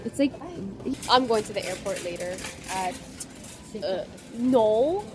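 A woman's voice: medium pitch, lively intonation, takes it slowly, background noise. A young woman vlogging in casual chat, giggling and chatty, laughing often.

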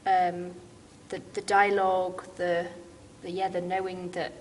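A woman's voice: fairly low pitch, completely flat delivery, unhurried, slight background noise. Thoughtful woman in an echoing studio. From United Kingdom. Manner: thoughtful, hesitant, many restarts. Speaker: dance artist. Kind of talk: reflective interview answers. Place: large dance studio, indoors.

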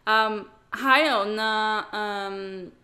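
A woman's voice: medium pitch, drawn-out words, pushed and bright. A young adult woman co-hosting a casual podcast over a video call, playful and switching between languages. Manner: playful, multilingual code-switching. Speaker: podcast co-host. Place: plain room at home, video call.

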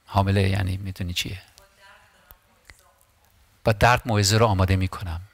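A man's voice: low voice, steady tone, gravelly, no room sound. A man preaching a sermon as pastor, impassioned and emphatic, repeating phrases and often restarting words.

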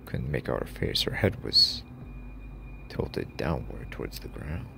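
A man narrating a first-person horror story, halting at times and dropping to a hushed whisper. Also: rumbling low, expressive, vocal fry, a little hiss or hum.

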